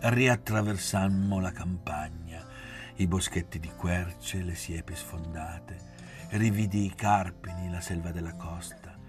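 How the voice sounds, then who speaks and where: A man reading a novel aloud in a measured, quiet, literary way. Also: low voice, steady tone, over music. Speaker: narrator.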